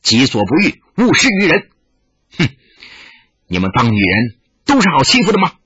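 A man's voice: on the high side, huge pitch swings, moderate pace, sharp tone, breathy edge, dry recording, full character voice. Jade Rakshasa, a man voicing a fierce swordswoman. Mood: stern. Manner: commanding, scornful. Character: fierce proud young swordswoman. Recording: dull lo-fi recording.

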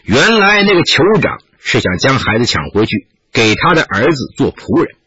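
A man narrating a martial-arts story with an expressive, dramatic delivery, on a dull lo-fi recording. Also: medium pitch, moderate pace, slightly rough, no room sound.

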